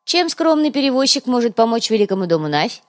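A woman's voice: on the high side, very animated, fast talker, voice pushed up. A woman voicing a sly, greedy male trader who talks in an ingratiating, chatty way for an audiobook.

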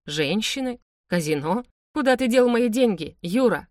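A woman's voice: on the high side, lively intonation, moderate pace, darkish tone, no room sound, clean studio sound, far from the mic, voice pushed up, lightly acted. A woman voicing a powerful man who speaks dryly, with sarcasm and curt commands. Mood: cold sarcastic.

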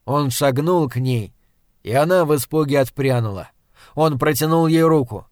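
A man narrating an audiobook in a measured, dramatic storytelling manner. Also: fairly high pitch, darkish tone, no room sound, studio quality. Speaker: audiobook reader. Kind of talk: scripted narration.

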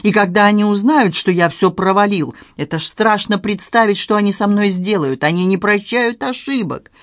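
An audiobook narrator voicing an angry, frightened grown son who shouts bitterly and pleads, in a dry recording. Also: mid-range voice, moderate pace, dry recording, voice pushed up, natural voice. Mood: desperate. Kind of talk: dramatized audiobook reading.

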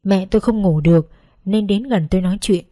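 A woman narrating an emotional first-person story in a slow, gentle, measured reading. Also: mid-range voice, no echo. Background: faint background music.

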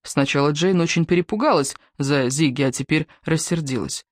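A woman narrating an audiobook in an even, measured storytelling manner. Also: low voice, no room sound, studio quality. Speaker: audiobook reader. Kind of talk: scripted narration.

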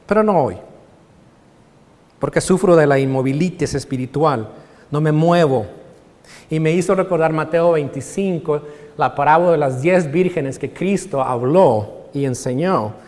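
A male pastor preaching a sermon with passion, swinging from hushed lines to loud exclamations. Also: on the high side, a little slow. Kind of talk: Spanish-language sermon. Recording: long reverb of a large hall.

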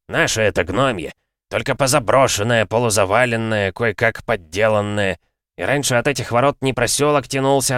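A man voicing a boastful, loud male dwarf with a blustering, folksy manner. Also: medium pitch, no echo, clean studio sound, voice pushed up, lightly acted.

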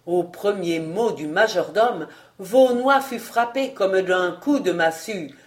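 A volunteer reader narrating a classic novel as an audiobook in a steady, expressive way. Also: medium pitch, takes it slowly.

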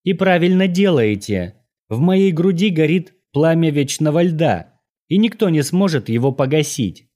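A man's voice: fairly high pitch, lively intonation, moderate pace, warm tone, voice pushed up, close to an everyday voice. A man voicing a proud young woman who speaks in a haughty, defiant tone.

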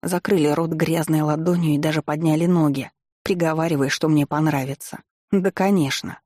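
A narrator reading a first-person fantasy story aloud in a wry, expressive manner with ironic asides. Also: mid-range voice, no room sound, clean studio sound. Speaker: audiobook narrator.

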